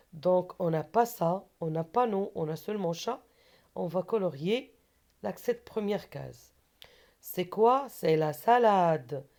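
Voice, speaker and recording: A teacher with a lowish, warm voice gives children a patient reading lesson. She repeats syllables and words and asks questions that she then answers herself.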